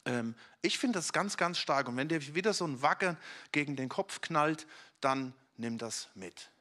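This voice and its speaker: A man preaching a sermon to a congregation, talking to his listeners directly in a lively, conversational way. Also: a little high, normal speed.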